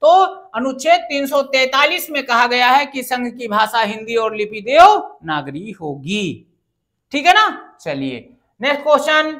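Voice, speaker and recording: High, bright-voiced woman teaching a lesson. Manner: asks the class questions, then answers them herself. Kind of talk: exam-prep grammar lesson.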